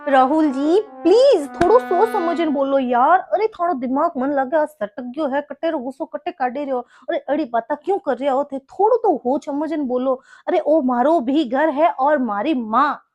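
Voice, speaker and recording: Comic skit lead: indignant Marwari wife, high-pitched, defensive. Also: female voice, expressive, darkish tone. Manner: indignant, defensive, rapid questions. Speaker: skit performer playing the wife.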